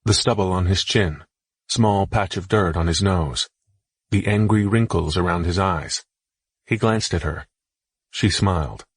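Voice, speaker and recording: A man narrating a fantasy audiobook in a steady, measured reading voice. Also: deep voice, breathy edge, dry recording. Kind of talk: scripted narration.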